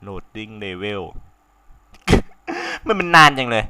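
A young man with a sore throat giving casual, excitable let's-play commentary, swearing freely and laughing often. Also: lowish voice, very slow, smooth. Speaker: game commentator.

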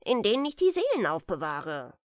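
A calm, hospitable old merman from a storybook, speaking with a genial ease, as a woman puts him on. His voice swings widely up and down. The sound is close and dry, with no room around it. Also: medium pitch, normal speed, no echo. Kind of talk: storybook reading.

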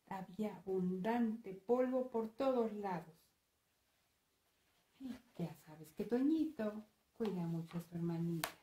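A woman narrates a children's story, slow and expressive, asking her listeners questions along the way. Her voice is mellow and unhurried. It is recorded live in an echoey museum hall. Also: mid-range voice. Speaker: storyteller and author. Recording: echoey room.

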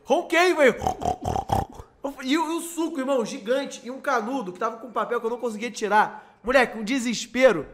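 Rio-young man, host, high voice, excited slangy storytelling with lots of swearing. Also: fairly quick. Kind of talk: casual storytelling.

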